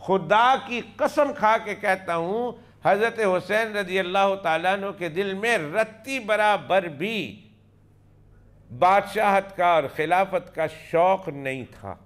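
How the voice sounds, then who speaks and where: A man with a high voice, a religious scholar delivering a weekly lesson. He narrates with emphasis, returns again and again to key phrases, and voices the lines of the people in his story. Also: takes it slowly, fairly bright tone. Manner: acts out quoted dialogue.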